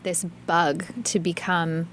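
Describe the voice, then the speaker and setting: A woman's voice: lowish voice, little pitch movement, takes it slowly, fairly bright tone, slight background noise. A woman with a New Jersey accent hosting an interview, asking questions and chiming in with short encouragements. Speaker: interviewer, host. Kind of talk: casual interview.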